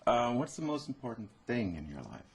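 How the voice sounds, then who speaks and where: A man's voice: medium pitch, big pitch swings, brisk, husky. A man hosting a casual interview, asking playful, teasing questions. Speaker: radio host.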